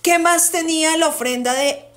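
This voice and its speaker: Woman, Bible study teacher, high voice, emphatic, questions to the group. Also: a bit bright. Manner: asks the group questions and repeats answers; emphatic, slows down on key words. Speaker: congregation teacher.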